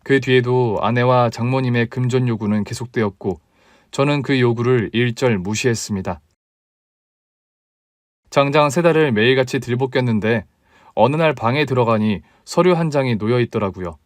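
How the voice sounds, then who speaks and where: A man narrating his own story in a calm, weary, confessional tone. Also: mid-range voice, moderate pace, no room sound.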